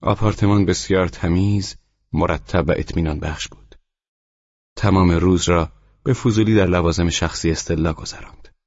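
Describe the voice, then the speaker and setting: A man narrating an audiobook in a calm, even reading, in a dull, dry studio recording. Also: deep voice, dry recording. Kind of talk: scripted narration.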